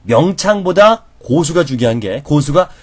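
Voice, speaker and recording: A man lecturing as a professor on conversation skills, animated and acting out reactions as he explains. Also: fairly high pitch, normal speed, slightly rough.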